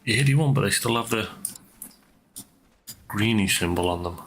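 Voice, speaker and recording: Low-voiced man chatting through a game. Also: measured pace, fairly bright tone, a little hiss or hum. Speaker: gamer in a co-op let's play. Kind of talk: casual gaming chat mixed with reading quest dialogue aloud.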